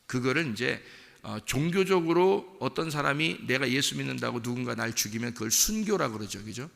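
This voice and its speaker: A pastor giving an emotional dawn sermon, swinging from quiet murmurs to loud cries. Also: male voice, medium pitch, lively intonation, a little fast, vocal fry, big-room sound.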